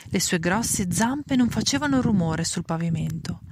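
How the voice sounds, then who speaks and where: A woman reading a children's story aloud slowly and clearly. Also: fairly low pitch, lively intonation, noisy background. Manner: slow, clear reading with voices for characters.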